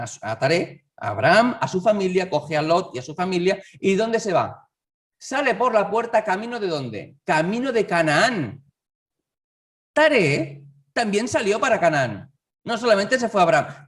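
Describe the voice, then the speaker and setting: Man, sermon, conversational, rhetorical questions, fairly high voice, distant mic. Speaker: lay preacher. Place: church hall.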